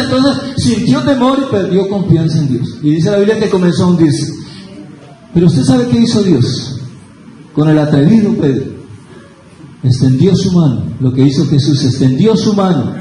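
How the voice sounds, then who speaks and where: Man, fervent preacher, very high voice, heavy church echo, faint hiss. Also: animated, normal speed. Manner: fervent, bursts into shouted emphases. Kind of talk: Pentecostal sermon. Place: church sanctuary.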